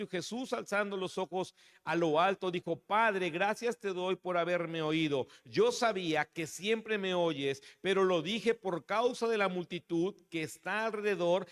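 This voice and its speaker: High-voiced male preacher in a reverberant hall. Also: a bit bright, smooth. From Mexico. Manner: addresses listeners as brother. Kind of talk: sermon with scripture reading. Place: church hall.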